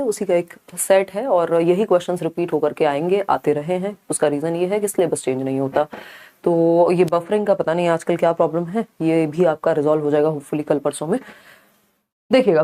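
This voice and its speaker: A woman's voice: on the low side, dark tone. A woman teaching a live online exam-prep class, chatty, often checking back with her viewers. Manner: chatty, mixes English into Hindi, asks the class to confirm.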